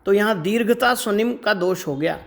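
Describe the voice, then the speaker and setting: This male Hindi teacher has a high voice with vocal fry and a touch of brightness. Leading an exam-prep class, he breaks things down one step at a time, poses rhetorical questions to check understanding, and stretches words slowly to model pronunciation.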